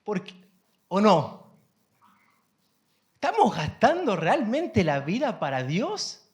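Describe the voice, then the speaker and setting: A man's voice: sits high, wildly swooping pitch, slow pace. A man preaching a sermon as pastor, asking the congregation questions and building up to emphatic phrases.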